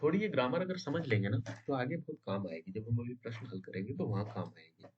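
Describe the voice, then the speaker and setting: A man's voice: mid-range voice, lively intonation, brisk, slight background noise. A man teaching an exam-prep grammar lesson, asking himself questions and answering them, often checking in with his students. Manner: checks in with "है ना?" and "समझे?". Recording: dull lo-fi sound.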